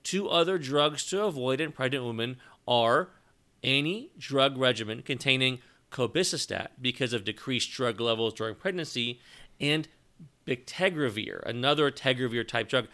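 A man co-hosting a medical podcast, explaining drug choices in a measured, teaching way. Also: medium pitch, bright, forceful tone. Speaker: podcast co-host, clinician. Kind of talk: educational medical podcast talk.

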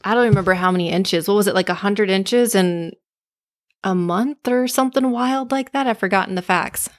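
A woman co-hosting a podcast, telling relaxed, cheerful stories in casual chat. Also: medium pitch, moderate pace, no echo, studio quality. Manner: relaxed, cheerful storytelling with soft laughs. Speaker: podcast co-host.

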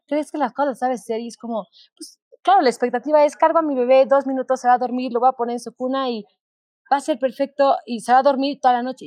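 A woman, co-hosting a podcast and talking candidly in a lively, conversational way. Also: high voice, dry recording, studio quality. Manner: candid, animated storytelling with quoted asides. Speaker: podcast co-host. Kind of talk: casual conversation.

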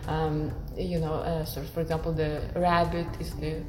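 A woman's voice: low voice, level tone, normal speed, echoey room, music in the background, poor audio. A woman from Kazakhstan, a guest academic in an interview, talking thoughtfully with many fillers and restarts. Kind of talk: conversational interview.

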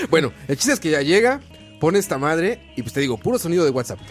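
A man's voice: fairly high pitch, moderate pace, husky, faint music behind. A man with a Mexican accent hosting a casual comedy chat, telling stories in slangy, sweary language. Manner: slangy, swearing, animated storyteller. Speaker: comedy show host.

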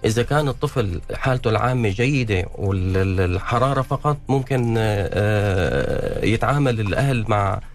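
A man with a Levantine Syrian accent answering radio interview questions as a doctor, halting and repeating words as he explains. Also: on the low side, faint music behind. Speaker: pediatrician, studio guest.

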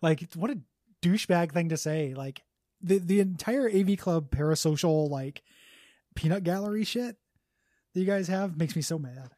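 A man co-hosting a podcast in casual chat, blunt and jokey, quick to vent. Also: fairly high pitch, mellow, no echo, studio quality. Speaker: podcast co-host.

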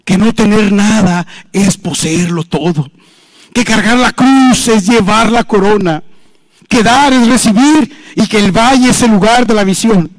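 Male pastor, very high voice, impassioned sermon delivery, dry close recording. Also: unhurried, dry recording. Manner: impassioned preaching, often drops low and soft on "hermano".

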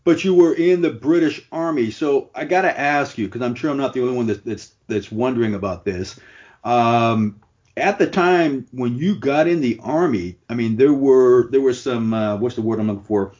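A man's voice: medium pitch, normal speed, a little mellow. A man in a middle register hosts the interview, chatting loosely and laughing easily as he gropes for words. His voice comes through muffled and lo-fi. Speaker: interviewer, host. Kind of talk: casual interview. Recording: muffled lo-fi audio.

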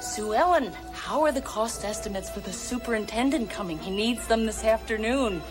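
An actress playing a demanding older woman who is an office boss in a film, speaking in a brisk, businesslike way. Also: fairly high pitch, animated, lightly acted. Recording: film soundtrack with music underneath.

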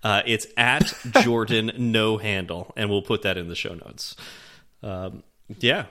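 A man's voice: lowish voice, fairly even intonation, measured pace, bright, forceful tone. A man hosting a casual podcast, chatting and laughing as he reads listener reviews aloud. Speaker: podcast host.

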